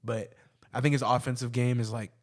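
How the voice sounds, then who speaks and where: A man's voice: mid-range voice, flat delivery, brisk. Casual, slangy man talking sports. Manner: slangy, conversational. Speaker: sports podcast host giving opinions.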